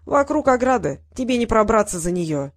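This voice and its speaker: A woman's voice: a little high, sing-song, a little fast. Woman voicing a stern bossy older boy. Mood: scolding. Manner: curt, commanding, scolding in whispers.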